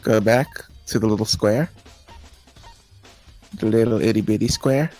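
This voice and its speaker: A man's voice: lowish voice, measured pace, mellow, faint music behind. A young man co-hosting a game playthrough, joking, sing-songing and giving helpful tips. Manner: playful, sing-song, jokey. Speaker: co-host of a let's play. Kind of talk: casual game playthrough banter.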